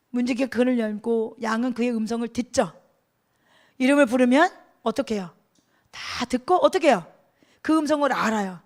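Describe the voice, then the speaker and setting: A middle-aged woman pastor delivers a sermon in a bright, high voice. She keeps it conversational, turning to the congregation with questions and laughing easily.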